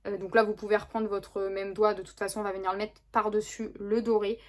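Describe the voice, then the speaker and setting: A woman's voice: medium pitch, little pitch movement, fairly quick. A woman talking casually through a makeup tutorial, chatty and rambling with many fillers and restarts. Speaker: beauty vlogger. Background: neighbor's lawnmower.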